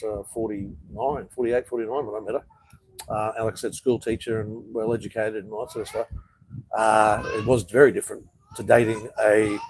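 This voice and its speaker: A man's voice: on the low side, darkish tone, low-quality recording. Australian man, blunt, swears a lot, casual live-stream chat, reads comments aloud. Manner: blunt, swears often, says "mate".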